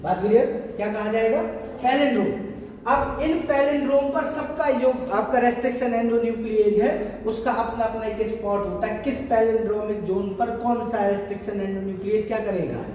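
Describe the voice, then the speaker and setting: A man's voice: high-pitched, steady tone, a little fast, darkish tone, slight background noise. A man teaching a biology revision class, asking his students questions and checking they follow, with homely everyday comparisons. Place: large echoing classroom. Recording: echoey hall recorded from far off.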